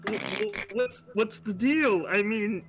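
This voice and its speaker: A man's voice: high voice, slow, creaky, a bit bright, full character voice. Man doing a stammering, nosy young fellow. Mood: prying. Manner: stammering, repeats words. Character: nervous stammering young male character, nosy.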